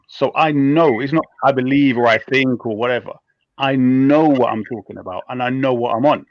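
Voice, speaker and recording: A man's voice: mid-range voice, no echo. Assertive man, slightly muffled. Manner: assertive, repeats points. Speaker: panelist. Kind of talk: casual debate, explaining.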